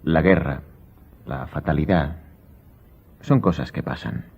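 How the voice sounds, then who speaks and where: Man playing the Count of Monte Cristo, deep and husky. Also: highs cut off, full character voice. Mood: composed, enigmatic. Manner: measured, laconic, self-assured. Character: mysterious, wealthy count, composed, cryptic and commanding. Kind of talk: Spanish-language radio drama acting.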